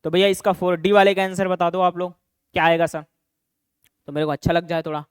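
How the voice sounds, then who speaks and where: A young man teaching an online maths exam-prep lesson, chatty and quick, calling students "beta" and "bhaiya" and answering his own questions. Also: high-pitched, fairly even intonation, clear, resonant tone, dry recording, clean studio sound.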